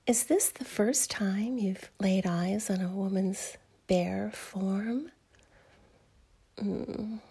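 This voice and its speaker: A woman voicing a teasing, doting adult female fairy in a whispered audio roleplay, with a soft breathy whisper and slow, coaxing delivery. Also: medium pitch, heavily acted.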